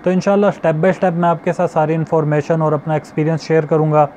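This young man hosts a fishing channel, speaking with a fairly high, level, slightly mellow voice at a quick pace. He explains things step by step to the camera, repeats his points, and addresses viewers as friends. It's recorded on a lapel mic in a small indoor studio, with slight background noise.

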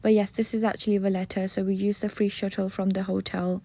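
A woman narrating a travel vlog as a casual voice-over, relaxed and full of ums and uhs. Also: medium pitch, quick pace, no room sound. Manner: relaxed, many fillers like um and uh. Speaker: travel vlogger.

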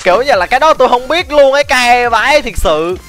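Man, game streamer, high voice, rapid excitable talk, game music underneath. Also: slight background noise. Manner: fast, excitable, exclaims often. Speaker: gaming streamer.

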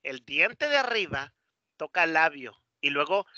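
A man with a Mexican Spanish accent explains English pronunciation in Spanish, drawing out each sound slowly. His voice is very bright and a touch high, and the recording sounds dry and a little dull. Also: sing-song, no echo. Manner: slow, drawn-out modelling of single sounds, with frequent "¿verdad?" and "¿ok?".

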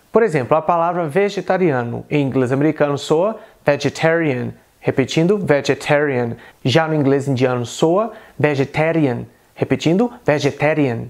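A man's voice: on the high side, darkish tone. Methodical Brazilian man teaching pronunciation. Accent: Brazilian Portuguese. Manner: methodical, repeats each example word slowly. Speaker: English teacher. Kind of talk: recorded pronunciation lesson.

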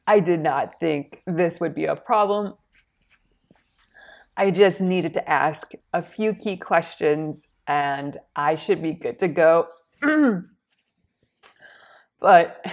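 A congested young woman speaks to camera in a soft, half-whispered voice that sits a little low. She tells her story very slowly and carefully in plain words, clearing her throat between sentences. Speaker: vlogger. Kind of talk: scripted personal storytelling. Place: indoors against a plain wall.

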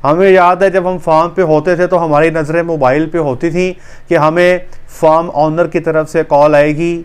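A veterinary doctor in his 30s speaks casually to camera on a lapel mic, his voice on the high side, clear and resonant. He's earnest and gestures as he explains, sitting in a small indoor room with a wood-panelled wall.

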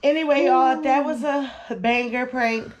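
A woman's voice: high voice, steady tone, a little slow, lo-fi sound, slight background noise. A woman vlogger chatting casually through a prank, laughing constantly between words. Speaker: YouTube vlogger. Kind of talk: casual prank vlog chat.

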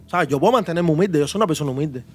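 Boastful man, slightly high voice. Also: animated, very fast, husky, soft background music. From Cuba. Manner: confident, boastful, keeps asking "¿sabes?". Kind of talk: casual chat.

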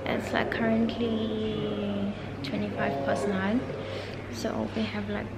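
With a medium pitch, monotone delivery and slow pace, a 21-year-old South African woman chats playfully and casually to her vlog audience, slipping in sassy slang. She films with the camera held at arm's length, and background noise is clearly heard.

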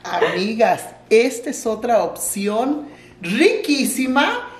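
Woman in her 50s, guest cook on a home kitchen vlog, animated and expressive, roomy sound. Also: fairly high pitch, slow, background noise. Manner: warm, enthusiastic tasting comments, calls viewers friends. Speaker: guest cook, host's mother. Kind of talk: casual cooking vlog.

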